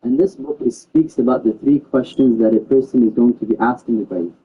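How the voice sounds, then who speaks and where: A man's voice: mid-range voice, a little fast, muffled recording. A man from England giving an Islamic lesson, speaking earnestly and repeating himself often. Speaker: Islamic teacher. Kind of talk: religious lesson to a gathering.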